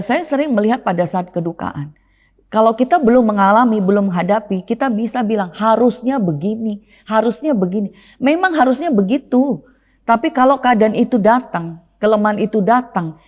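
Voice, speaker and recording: Woman pastor preaching a conversational sermon. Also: a little mellow. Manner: drops pitch and volume on the trailing address word; rhetorical questions and repeated phrases.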